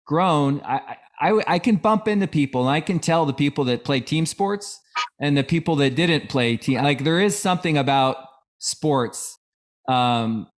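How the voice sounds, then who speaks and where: A man's voice: on the high side, lively intonation, moderate pace. A middle-aged man hosting a casual podcast interview, speaking in a reflective, affirming, conversational way. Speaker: podcast host.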